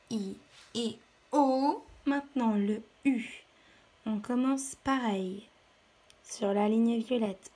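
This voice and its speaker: A woman teacher walks young children through a handwriting lesson one step at a time. Her voice sits a little high and breathy, and she speaks slowly and patiently. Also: darkish tone. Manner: slow, patient step-by-step instruction.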